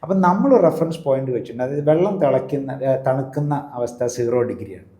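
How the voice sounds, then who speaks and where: A man of the clergy explains in an interview, teaching step by step and pausing to check that he is followed. His voice is very dark and mellow. It is recorded in a room with noticeable echo. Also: medium pitch, very animated. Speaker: priest. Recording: roomy echo.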